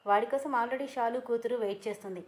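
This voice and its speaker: A woman reading the part of a tender young wife who speaks softly and wistfully. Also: a little high, quick pace, close to an everyday voice. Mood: affectionate.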